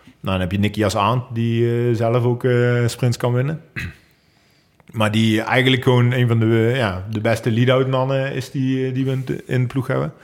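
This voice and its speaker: A man's voice: medium pitch, little pitch movement, normal speed. A man in his thirties, a professional cyclist, answering interview questions at length in a hesitant way, with lots of ums and restarts. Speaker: professional cyclist, sprint lead-out rider. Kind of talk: interview answers recalling races.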